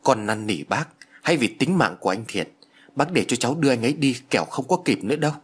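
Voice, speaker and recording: Male reader playing a pushy young woman, husky, lively, audiobook. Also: medium pitch, fast. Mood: insistent. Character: headstrong young city woman, insistent. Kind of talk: audiobook character voice.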